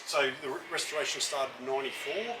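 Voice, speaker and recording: Man, vlog host, upbeat and friendly, mid pitch. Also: noisy background. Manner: upbeat, quick affirming interjections. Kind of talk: casual vlog interview.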